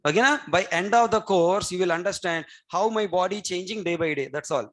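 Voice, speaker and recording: A man's voice: high-pitched, fairly quick. A middle-aged man with a Telugu accent in English, a native Telugu speaker, teaching a programming class in an exhorting, repetitive way with question tags and prompts for answers. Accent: Telugu Indian English. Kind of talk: interactive classroom lecture.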